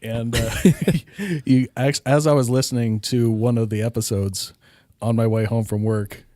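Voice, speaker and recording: A middle-aged man from Hawaii, a podcast guest telling his life story with many pauses and fillers. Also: medium pitch, steady tone, warm tone, no room sound, clean studio sound. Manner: hesitant, many ums and uhs, laughs often. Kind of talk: casual storytelling.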